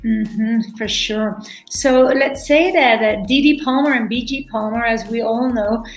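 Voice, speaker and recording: Her voice is on the high side and a little slow: she's a middle-aged Belgian veterinarian and animal chiropractor, chatting as a guest in an informal interview. She often restarts and repeats words, and the recording has room echo and faint music.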